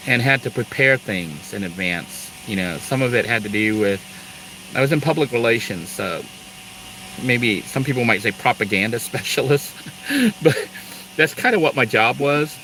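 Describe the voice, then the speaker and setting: A man's voice: medium pitch, expressive, normal speed, pushed and bright, slight background noise, poor audio. A middle-aged man from Thailand chatting casually on a live stream, rambling through asides and laughing now and then. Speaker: live-stream host, Air Force veteran.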